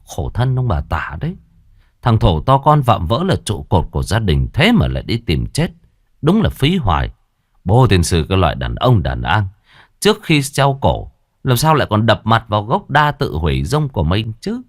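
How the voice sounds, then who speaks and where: A man's voice: fairly low pitch, huge pitch swings, moderate pace, no room sound, clean studio sound. A man voicing an indignant villager gossiping about deaths in a ghost story.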